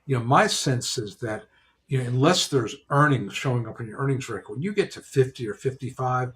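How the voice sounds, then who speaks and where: Guy lawyer hosting, explaining stuff practically, lots of you-knows, mid pitch. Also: lively intonation, a little fast, fairly bright tone. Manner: explains in a practical way, many "you know" fillers. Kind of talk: explanatory casual discussion.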